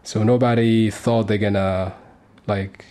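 A man's voice: on the low side, fairly even intonation, measured pace, dark tone. A man in his thirties from Sudan, speaking as a guest on a community radio interview, earnest and hesitant with many fillers and restarts. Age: 30s.

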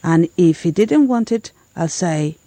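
Woman interpreter with a mellow, dry voice. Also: fairly low pitch, expressive, a little slow, dry recording. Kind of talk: voice-over translation.

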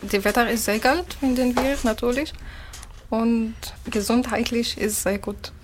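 Interviewee: syrian woman, arabic native, slightly high voice, simple german with slips, faint hiss. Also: fairly even intonation, a little slow. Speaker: interviewee, musician. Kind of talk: casual interview.

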